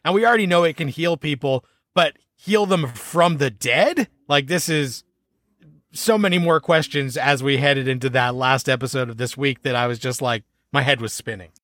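A man co-hosting a casual TV recap chat, talking with eager, animated enthusiasm. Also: mid-range voice, moderate pace, hardly any pauses, dry recording, studio quality. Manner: enthusiastic, animated fan talk. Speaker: podcast co-host.

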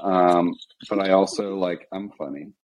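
A young man from the Midwest, chatting as a podcast guest in a flat, deadpan monotone with lots of "like" fillers. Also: low-pitched, a little slow, muffled recording, a little hiss or hum. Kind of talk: casual podcast chat.

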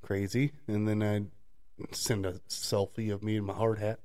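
A man's voice: little pitch movement, moderate pace, a little mellow. A man co-hosting a casual chat, telling stories and often laughing as he talks. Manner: storytelling, mimics people in high voices; laughs often while talking.

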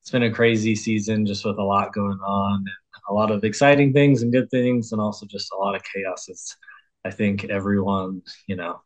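A man's voice: fairly low pitch, flat delivery, normal speed. A man who roasts coffee talking as a podcast guest, easygoing and rambling. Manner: rambling and easygoing, many fillers. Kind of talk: casual interview talk.

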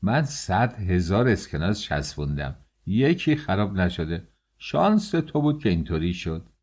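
A man voicing a grumbling fellow in an audiobook, talking in a quick, exasperated way. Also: low voice, big pitch swings, a little mellow, breathy edge, full character voice. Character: grumbling man, complains about bad luck. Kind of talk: audiobook character voice.

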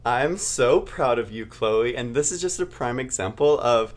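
Young male podcast co-host, campy and gushing, slangy casual chat, middle-pitched. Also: expressive, a little slow.

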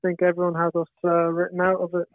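Over a tinny, band-limited, radio-like line with no room sound, a young man from Galway in the west of Ireland talks very fast in a high, monotone voice. A footballer guesting on a podcast, he gives hesitant, understated answers in a casual interview.

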